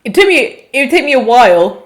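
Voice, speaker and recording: A woman's voice: sits high, sing-song, fairly quick. A young English woman co-hosting a casual podcast, rambling and self-deprecating, swearing now and then. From England. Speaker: podcast co-host. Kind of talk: casual chat.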